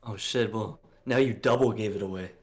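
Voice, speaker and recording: A man's voice: lowish voice, moderate pace, a little mellow. A man in his late twenties co-hosting a podcast in casual chat, blunt and preachy, swearing freely, with lots of fillers. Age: late 20s. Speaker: podcast co-host.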